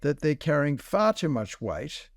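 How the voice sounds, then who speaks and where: Blunt doctor, dry studio sound. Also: male voice, a little high, sing-song, unhurried, no room sound. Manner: blunt, explains in plain numbers. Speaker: doctor co-host. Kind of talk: casual health podcast chat.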